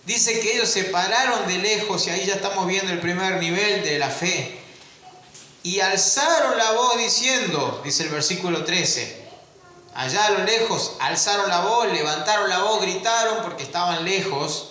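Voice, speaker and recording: A man's voice: high voice, lively intonation, normal speed, bright, forceful tone. A man preaching a sermon, questioning his listeners and drawing out key words. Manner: asks the congregation rhetorical questions, stretches key words. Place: church. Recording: very echoey church room.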